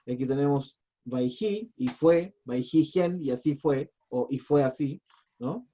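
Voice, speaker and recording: A man's voice: mid-range voice, unhurried, dark tone. A man, a pastor teaching a biblical Hebrew class in a patient, chatty, explanatory way. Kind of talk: online class lecture.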